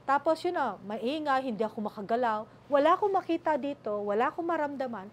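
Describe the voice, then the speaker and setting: A middle-aged Filipino woman with a Filipino accent, telling her story as an interview guest, animated and acting out the voices she quotes. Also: high voice, fairly quick. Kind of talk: emotional sit-down interview.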